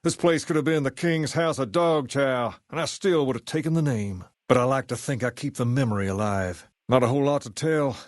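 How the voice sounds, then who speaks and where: In video game dialogue, a male actor plays a charismatic gang boss modeled on a rock-and-roll idol, speaking in a Southern US drawl at middling pitch. He sounds folksy, relaxed, measured and self-assured, lightly acted with a darkish tone. The recording is dry and close.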